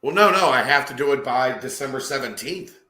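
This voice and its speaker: A man co-hosting a casual sports podcast, throwing in dry, deadpan asides. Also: medium pitch, fairly quick. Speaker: podcast co-host. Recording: roomy echo.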